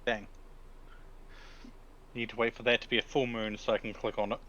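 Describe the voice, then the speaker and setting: A man's voice: mid-range voice, level tone, normal speed, sharp tone, muffled recording. A man streaming a video game with casual, conversational chat. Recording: clearly noisy background.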